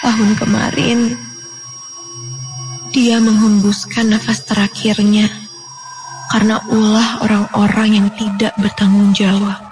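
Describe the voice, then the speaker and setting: A woman narrating a first-person horror story in a dramatic way, her voice climbing high with fear at the tense moments. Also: level tone, a little slow, pauses often, low-quality recording. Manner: dramatic, rising to frightened high pitch. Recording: music playing behind the voice.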